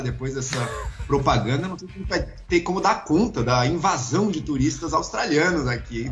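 A man giving lively opinion commentary on a panel, laughing now and then and tripping over quick restarts. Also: fairly high pitch. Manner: animated, laughs often, stammers on restarts.

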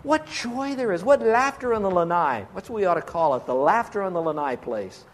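A man's voice: high voice, lively intonation, fairly quick. A man preaching a sermon as pastor, earnest and pleading, asking his listeners rhetorical questions.

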